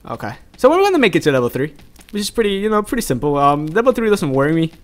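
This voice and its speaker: A man's voice: on the high side, sing-song, quick pace. A young man from South America giving jokey, rambling let's play commentary while he plays. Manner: rambling, jokey, talks to himself.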